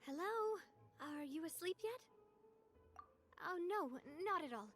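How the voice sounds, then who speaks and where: A young female gang leader for a video game. The voice is high and the manner is breezy, friendly and self-assured, with a teasing streak. Faint music plays underneath. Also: animated, takes it slowly, exaggerated voice. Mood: cheerful, inviting.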